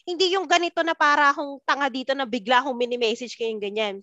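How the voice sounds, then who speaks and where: A woman's voice: sits high, fairly even intonation, fast, pushed and bright, no room sound, lo-fi sound. A woman, co-hosting a podcast and telling a personal story in a casual chat with friends. She is dramatic and acts out the messages she quotes. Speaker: podcast co-host.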